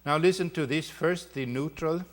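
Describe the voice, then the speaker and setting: Halting male voice-science lecturer. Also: fairly high pitch. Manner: halting, with many fillers and restarts. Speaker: university lecturer. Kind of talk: academic lecture.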